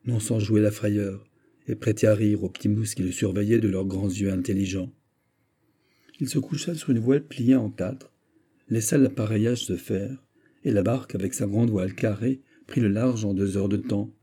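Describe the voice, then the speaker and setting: A man narrating a classic novel audiobook in a measured, even storytelling manner. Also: on the low side, breathy edge. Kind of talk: scripted narration.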